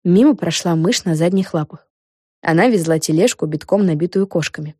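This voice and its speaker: A woman narrating a children's storybook in a clear, expressive way. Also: lowish voice, a little fast, no echo, studio quality.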